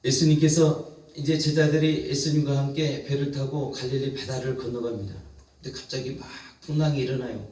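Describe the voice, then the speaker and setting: A man's voice: medium pitch, fairly even intonation, a little fast, a little mellow, distant mic. Man preaching in an echoey church. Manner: vivid retelling with repeated phrases. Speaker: pastor. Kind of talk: sermon. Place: church sanctuary.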